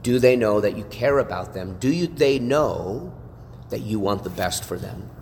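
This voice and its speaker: A man preaches to a class in an animated teaching voice, stacking up rhetorical questions. His voice carries with a long reverb in the room, and a faint hiss sits behind it. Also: on the low side, normal speed. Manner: animated, asks rhetorical questions, frequent "right?". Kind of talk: sermon-style teaching.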